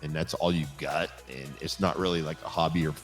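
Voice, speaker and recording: A man's voice: rumbling low, fairly even intonation, a little fast, faint music behind. A man hosting a podcast, chatting loosely and swearing casually as he asks questions. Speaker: podcast host.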